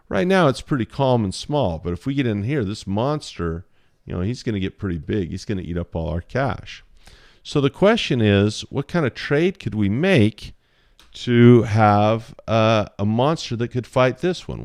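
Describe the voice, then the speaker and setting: A man with a low voice teaching a relaxed screen-share lesson on trading. He is chatty and playful and thinks aloud as he marks up a chart. The sound is dry, with no room echo. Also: moderate pace. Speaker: options trading instructor.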